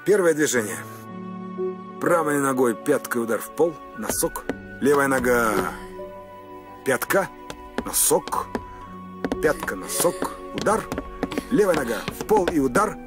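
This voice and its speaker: A man's voice: medium pitch, lively intonation, a little slow, pauses often, natural voice. An actor in his fifties playing a stern, commanding army captain in a war film. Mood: brisk, commanding. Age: 50s. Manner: commanding, clipped orders. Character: stern Soviet army captain drilling women recruits. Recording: film music under the voice.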